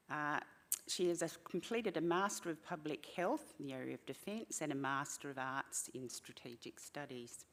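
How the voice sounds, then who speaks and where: A woman hosting an event, introducing the next speaker in a halting way with frequent asides. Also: low-pitched.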